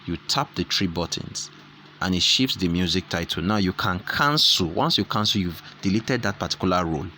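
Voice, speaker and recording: Deep-voiced man explaining an app. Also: animated, normal speed, pushed and bright, slight background noise. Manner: rambling, self-correcting explanation. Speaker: tutorial host. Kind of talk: screen-recorded app tutorial.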